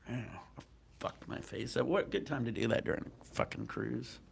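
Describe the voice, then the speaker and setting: This gravelly, medium-pitched male voice comes through a handheld mic with a little hiss or hum. His nose sounds blocked as he livestreams outside on a cruise ship after dark. It's easygoing stream chat, peppered with swearing and jokes.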